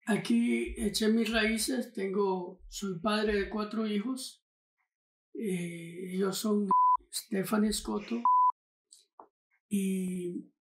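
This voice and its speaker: Slow-talking older man, echoey room. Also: high voice, a little mellow. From Honduras. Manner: halting, with many fillers and restarts. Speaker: podcast guest. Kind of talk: casual interview conversation.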